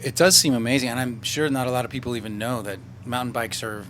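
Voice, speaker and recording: A man's voice: mid-range voice, a little hiss or hum. Joking male radio show host. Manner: jokey, quick interjections. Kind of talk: radio talk show banter.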